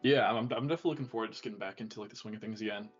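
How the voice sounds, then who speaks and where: A young man, a student who trades, chatting easily on a call with halting ums. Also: on the low side, muffled recording. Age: young adult. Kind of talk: casual trading chat.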